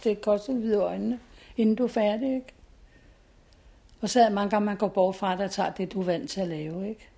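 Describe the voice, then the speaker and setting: A woman's voice: mid-range voice, steady tone, vocal fry, mellow. A woman in her sixties talking casually in an interview, chatty and always adding tag questions.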